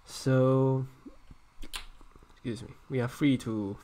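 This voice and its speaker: A man teaching an engineering software lesson while hiccuping and coughing, often correcting himself and counting points aloud. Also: mid-range voice, animated, a little slow. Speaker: engineering tutor. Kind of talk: screen-recorded software tutorial.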